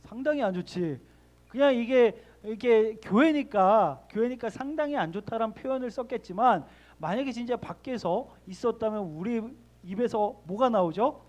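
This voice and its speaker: A man's voice: high voice, lively intonation, moderate pace, a little mellow. A man giving a sermon to middle schoolers in a church, asking the young listeners direct questions and leading them in reading scripture aloud. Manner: leads the group in reading scripture. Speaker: youth pastor. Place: church sanctuary.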